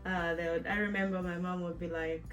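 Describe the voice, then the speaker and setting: A woman's voice: lowish voice, flat delivery, a little fast, fairly bright tone, dull audio, soft background music. A woman from Zambia chatting casually and playfully to camera, laughing often. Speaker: co-host of a family channel.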